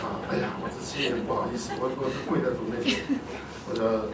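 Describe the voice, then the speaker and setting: A man preaching a sermon to a congregation, animated, often asking his listeners questions and answering them himself. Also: medium pitch, fast, very noisy. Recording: echoey hall, distant mic.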